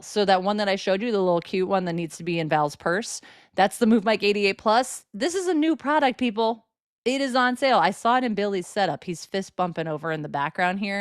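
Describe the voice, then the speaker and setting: A woman's voice: medium pitch, clear, resonant tone, dry recording, clean studio sound. A woman co-hosting a live selling stream who demos microphones in an upbeat, chatty way. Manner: upbeat, salesy, laughs often. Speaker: co-host demoing microphones.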